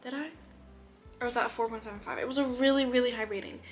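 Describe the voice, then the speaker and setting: A woman chatting casually as a book vlogger, gushing and excitable, sometimes dropping to a whisper. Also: a little high, fast, soft background music. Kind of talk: casual chat. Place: her room. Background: faint rain.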